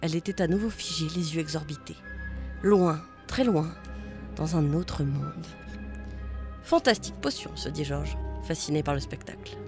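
Woman, dramatic storybook reading, expressive, medium voice, soft music behind. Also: low voice, moderate pace.

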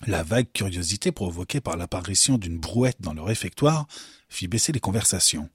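A man reads a short story aloud in a steady, measured way. His voice is low and husky. The sound is dry and close to the mic. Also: no room sound. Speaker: story reader.

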